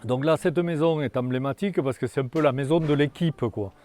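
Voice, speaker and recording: An older man giving a guided tour of a hamlet outdoors, talking in a halting way with many restarts and fillers. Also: mid-range voice, darkish tone.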